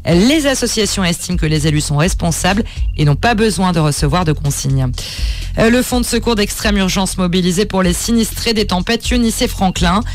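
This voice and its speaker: A man reading a radio news bulletin in a steady, formal manner. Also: sits high. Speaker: newsreader.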